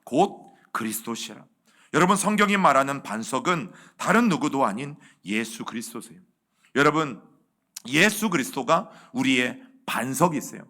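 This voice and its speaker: Bright-voiced Korean pastor preaching. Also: male voice, medium pitch, animated, normal speed. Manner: addresses the congregation as "여러분" again and again, asks questions and answers them. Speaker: senior pastor. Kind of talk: sermon. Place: church, Wednesday evening service.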